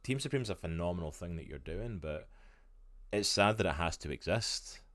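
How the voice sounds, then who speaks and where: A man's voice: sits low, expressive, normal speed, fairly bright tone, no echo. A Scottish man talking in a casual, rambling interview conversation with many restarts. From Scotland.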